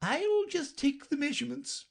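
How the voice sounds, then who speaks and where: Red Queen, a man voicing a shrill bossy queen. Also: expressive, normal speed, vocal fry, exaggerated voice. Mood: commanding. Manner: shrill, commanding, cries out urgently. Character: brisk bossy queen chess piece, imperious, tireless.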